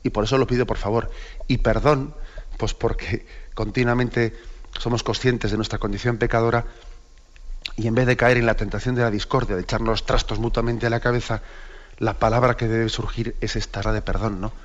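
A man's voice: medium pitch, flat delivery, fairly quick. Man from Spain teaching catechism, slightly dull recording. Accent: Spain Spanish. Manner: conversational, with frequent tag questions to listeners. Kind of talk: catechesis talk.

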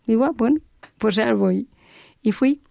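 Woman, earnest faith testimony, gravelly voice. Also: on the high side, a little slow, dry recording, clean studio sound. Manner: earnest, reflective, drops to a hushed whisper at times.

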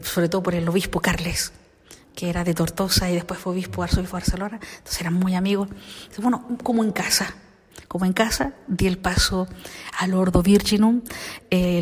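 A middle-aged woman and consecrated singer, telling her life story in an interview with lively storytelling and soft whispered asides. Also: lowish voice, slightly rough, big-room sound.

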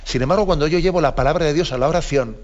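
A man, a priest giving spiritual advice on a radio call-in, speaking in a measured way and often ending phrases with a questioning "no?" or "eh?". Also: a little high. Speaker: priest answering callers. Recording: slightly dull radio broadcast.

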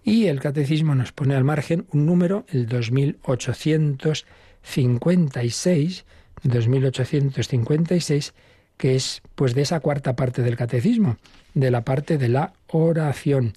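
A man, a priest, giving an unhurried catechism talk and repeating key phrases for emphasis. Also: mid-range voice, dark tone, slightly rough, no room sound, clean studio sound.

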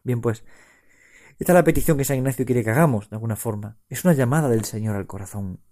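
A man gives a preaching retreat talk on Ignatian meditation in a warm, mellow tone. His phrasing is slow, repetitive and meditative, broken by sudden rises in pitch and force.

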